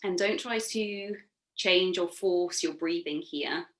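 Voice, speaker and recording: A woman yoga instructor guides a relaxation meditation, her tone soothing, gently encouraging and unforced. Her voice is fairly low, and she takes it slowly.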